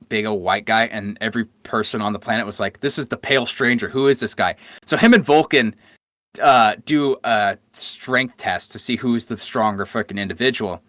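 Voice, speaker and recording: Bright-voiced man swearing through lore talk. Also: lowish voice, no echo, clean studio sound. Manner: profane, enthusiastic storytelling. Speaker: podcast co-host. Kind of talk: casual lore chat.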